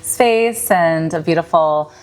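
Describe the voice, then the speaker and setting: A woman in her thirties from Michigan, USA, guests on a casual podcast interview as a mystic and healer. Her voice sits low and moves slowly as she tells her story earnestly and reflectively.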